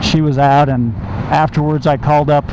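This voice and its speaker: American man, fairly high voice, speaking inside a motorcycle helmet, casual motovlog storytelling, conversational, noticeable road and engine noise. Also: level tone, normal speed. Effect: muffled inside a motorcycle helmet. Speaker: motovlogger and car salesman. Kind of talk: casual storytelling to camera while riding. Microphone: microphone inside helmet.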